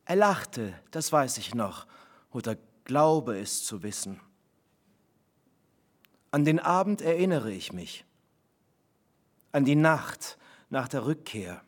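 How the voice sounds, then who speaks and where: A man, an author, reading his novel live in measured, reflective first-person narration. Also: medium pitch, sing-song, husky. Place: live reading in a broadcasting house.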